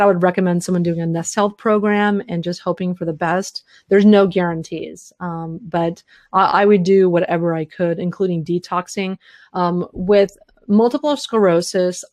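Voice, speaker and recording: A woman with a lowish, steady, darkish voice runs a live health webinar, taking listener questions with long, fast, run-on replies full of fillers. She sounds tired and is losing her voice. No echo can be heard.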